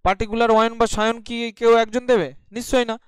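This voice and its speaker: High-voiced male teacher explaining grammar. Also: flat delivery, quick pace, clean tone, no room sound. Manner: asks questions then answers them himself; explaining patiently, checking in often. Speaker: English teacher. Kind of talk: classroom grammar lesson.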